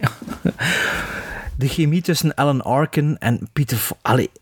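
A man's voice: medium pitch, moderate pace, darkish tone, breathy edge, no room sound. Man, Flemish accent, podcast co-host, critical and emphatic, restarts often, dry close sound. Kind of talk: casual film discussion.

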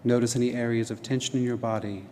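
A man leading a guided relaxation meditation in a calm, measured, gently instructing manner. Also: mid-range voice. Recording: long hall reverb, noisy ambience.

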